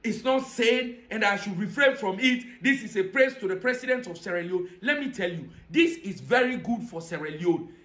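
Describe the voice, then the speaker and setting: A man with a West African accent speaks in a strikingly high-pitched voice. He delivers impassioned political commentary straight to his audience, insistent and emphatic, hammering points through repeated phrases. The sound is echoey, as in a reverberant room. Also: animated, moderate pace, a bit bright.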